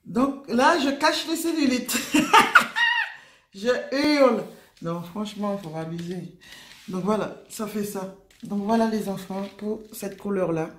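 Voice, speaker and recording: A woman's voice: medium pitch, lively intonation, a little slow, breathy edge. Chatty woman. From Guadeloupe. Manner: chatty, rambling, with frequent fillers. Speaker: vlogger. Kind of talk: casual haul video.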